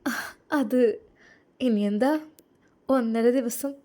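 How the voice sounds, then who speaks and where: A woman voices a lonely, orphaned young bride in a spoken story drama. She sits higher than the performer's own voice, with a mellow, warm tone. Her speech is hesitant and halting, and she stays timid and tearful. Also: steady tone. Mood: shy.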